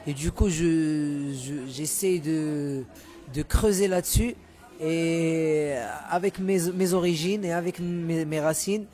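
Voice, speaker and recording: Here a male Moroccan musician, whose mother tongue is Moroccan Arabic, is a guest in a relaxed interview, speaking with a fairly high, warm voice. He often circles back over words while searching for the right ones.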